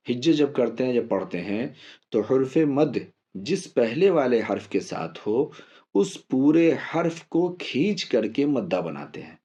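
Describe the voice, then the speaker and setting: A patient man teaches a step-by-step reading lesson. His voice is mellow and a little dark, and he slows right down to spell out each syllable and stretch the long vowels. The recording sounds dull and lo-fi. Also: medium pitch, slightly rough. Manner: patient, repeats syllables slowly and drawn out. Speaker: Quran recitation teacher.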